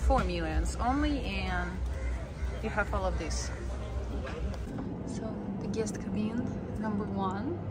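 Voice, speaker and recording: Chatty woman vlogger, unhurried. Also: mid-range voice, very noisy. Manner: relaxed, chatty, slightly broken English. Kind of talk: casual vlog narration. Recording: voice-over with loud background music.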